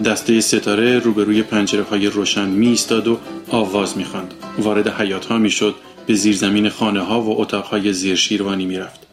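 A man reading a short story aloud in a calm, even storytelling manner. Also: fairly low pitch, soft background music. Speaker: narrator. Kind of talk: storybook narration.

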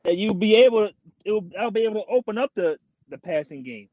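Young man, frat-bro manner, higher-pitched voice, casual sports podcast chat, slangy, dry muffled recording. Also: animated, quick pace, no room sound. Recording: dull, dry lo-fi audio.

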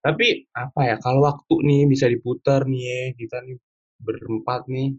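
A man's voice: mid-range voice, steady tone, normal speed, darkish tone, no echo, lo-fi sound. A young man, co-hosting a casual chat podcast, joking and teasing his guests. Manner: joking, repeats the listener's name. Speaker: podcast co-host.

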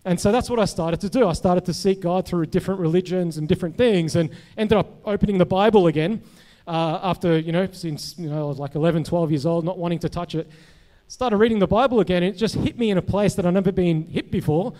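A man, a psychologist sharing his testimony from the pulpit. His voice sits high for a man, and he talks in a loose, chatty way, full of "um" and "you know" and restarting his sentences. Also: fast, warm tone. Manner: conversational, many fillers and restarts. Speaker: guest speaker, psychologist. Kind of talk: personal testimony sermon.

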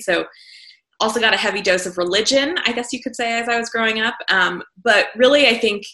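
A woman's voice: medium pitch, sharp tone, roomy sound. A woman entrepreneur from the American South telling her story in a casual interview, with frequent fillers. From Southern United States. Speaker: entrepreneur guest.

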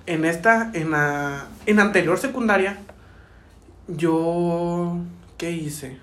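A man's voice: fairly high pitch, slow pace, roomy sound. A young Mexican man chatting casually, animatedly telling stories and acting out the voices of the people in them. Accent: Mexican Spanish. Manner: animated storyteller acting out quotes, laughing often. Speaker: podcast co-host. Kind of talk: casual chat.

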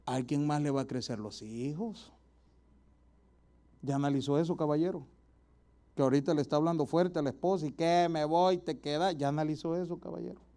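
High-voiced preacher man with a mellow tone. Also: fairly quick, long pauses. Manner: direct, exhorting, rhetorical questions to the listener. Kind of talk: sermon.

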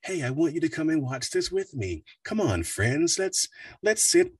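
A man's voice: fairly high pitch, sing-song, normal speed, slightly rough, no room sound, far from the mic, pitched above the performer's own voice, full character voice. A man voicing a cheerful, happy TV show announcer inviting viewers in. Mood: cheery. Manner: warm inviting announcer delivery.

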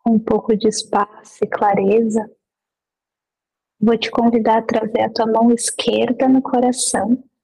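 A woman leading a guided meditation. She gives gentle, unhurried instructions with long pauses between them. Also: on the high side, level tone, creaky, husky, poor audio.

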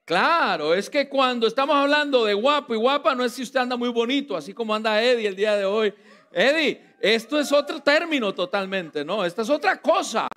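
Man, Costa Rican accent, high voice, very animated, teasing sermon. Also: fairly quick. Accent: Costa Rican Spanish. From Costa Rica. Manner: playful, teasing, joking with the congregation. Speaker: preacher. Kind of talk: lively sermon.

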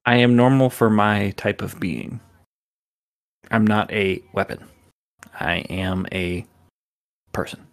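A man voicing a male Warforged construct, talking in a calm, matter-of-fact way. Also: fairly low pitch, takes it slowly, long pauses. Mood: earnest.

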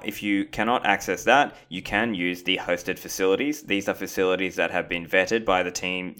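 Deep voiced guy hosting a podcast, reads his ads steady and measured. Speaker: podcast host. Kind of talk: scripted intro and ad reads, then interviewing.

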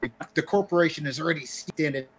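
A man with a slightly raised pitch, talking in a loose, animated way on a podcast. He laughs easily, gets loud when excited, and lets sentences trail off as he goes. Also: fast talker, husky. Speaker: podcast guest, co-creator of a YouTube channel. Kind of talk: casual chat.

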